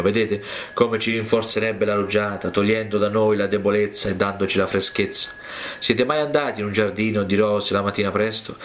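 A man preaching a sermon with fervent, drawn-out exclamations as he tells a story. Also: lowish voice, fairly bright tone.

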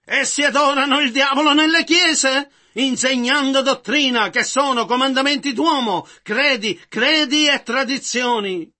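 A man interpreting a sermon with a very high voice and an intensely bright, sharp tone. He gives back each of the preacher's phrases in a measured, steady delivery.

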